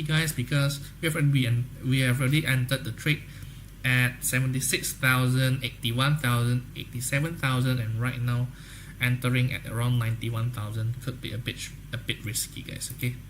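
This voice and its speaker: A young man with an Indonesian accent runs a trading livestream, chatting loosely and upbeat with viewers in a promotional tone and repeatedly circling back to "guys, okay?". His mid-pitched voice is fairly bright, but the audio is poor, with a faint hiss underneath.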